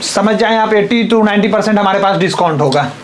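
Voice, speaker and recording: A male warehouse seller giving a sales pitch, brisk and repeating phrases to confirm. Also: slight background noise.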